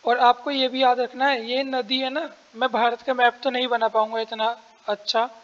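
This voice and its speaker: This very high-voiced man teaches exam prep in a large hall, walking through each step, posing questions he then answers, and frequently clearing his throat. His delivery is flat at a moderate pace, with a fairly bright tone on a lo-fi recording.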